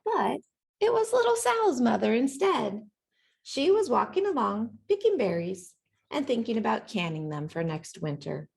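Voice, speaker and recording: A woman reading a children's picture book aloud in an expressive storytelling manner, acting out the sounds and dialogue. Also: fairly high pitch, unhurried, creaky, breathy edge. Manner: animated, acts out sounds and dialogue. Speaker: storybook reader.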